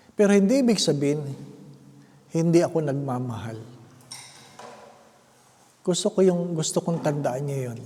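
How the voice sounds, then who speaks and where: A Filipino man preaches a homily in an unhurried way, his voice sitting a little high for a man. He tells stories and keeps checking in with his congregation. The sound rings out with the long reverb of a large stone church. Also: mellow. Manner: storytelling, mixes Tagalog and English, checks in with the congregation.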